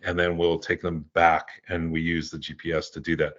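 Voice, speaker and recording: An older man, a guest in an interview, telling stories casually and rambling with halting restarts. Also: sits low, little pitch movement, fairly bright tone, lo-fi sound. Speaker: guest, animal relief volunteer.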